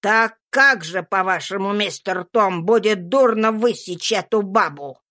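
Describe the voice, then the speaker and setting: A woman voicing a brutal, mocking middle-aged slave owner who shouts and sneers in slow, heavy threats. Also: mid-range voice. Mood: raging, sneering.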